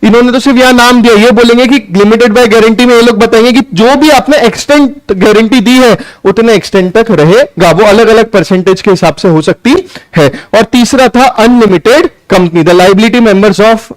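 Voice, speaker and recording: High-pitched loud male tutor. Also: unhurried, low-quality recording. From India. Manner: loud, quizzes students and answers himself; mixes Hindi with read-out English lines. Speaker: teacher. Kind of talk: live online lecture.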